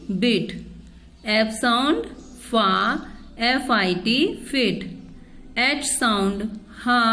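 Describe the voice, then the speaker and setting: A woman's voice: fairly high pitch, fairly bright tone. A woman teaching a phonics lesson for children, spelling each word letter by letter before saying it, mixing Hindi with English teaching phrases. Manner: spells out letters one by one, then says the word.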